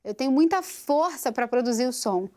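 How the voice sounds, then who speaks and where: A woman's voice: high voice, expressive, moderate pace, a little mellow. A woman teaching a vocal technique lesson, explaining step by step and asking rhetorical questions. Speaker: singing teacher.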